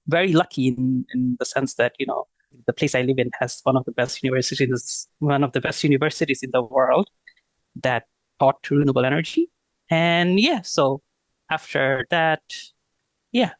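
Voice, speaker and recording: Talking casually as an interview guest, this man from Bangladesh, a renewable energy consultant in his thirties, keeps using fillers and restarting sentences. His pitch is medium, with no room sound audible.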